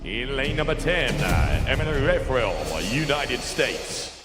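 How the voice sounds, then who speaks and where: Booming male arena announcer, echoing over loud music. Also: sing-song. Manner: drawn-out, emphatic name calls. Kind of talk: booming, pumped athlete introductions. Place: large event hall.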